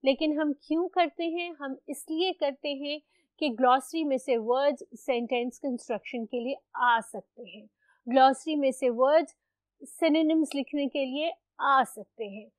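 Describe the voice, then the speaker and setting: A woman teaching an English lesson. She speaks slowly and deliberately, repeating and stressing words, and moves between Urdu and English explanations. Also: high voice, no room sound. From Pakistan. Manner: deliberately slow, repeats and stresses each word. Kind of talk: recorded classroom lecture.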